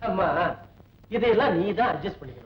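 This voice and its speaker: A woman's voice: mid-range voice, sing-song, fast, slight background noise, lightly acted. An actress playing a motherly landlady who coaxes and advises a young wife in an old film comedy. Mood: coaxing. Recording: roomy, dull old film soundtrack.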